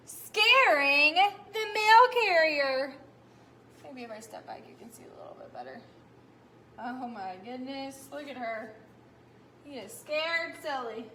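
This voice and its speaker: A woman teacher reading a picture book aloud to young children, animated, stopping often to ask them questions. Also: fairly high pitch, a little hiss or hum.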